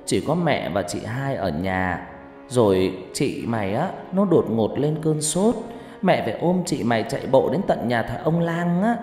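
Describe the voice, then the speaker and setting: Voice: mid-range voice, very animated, a little slow, a little mellow. A narrator voicing an anxious, protective village mother who stammers in alarm. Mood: fearful telling. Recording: echoey reverb with background music.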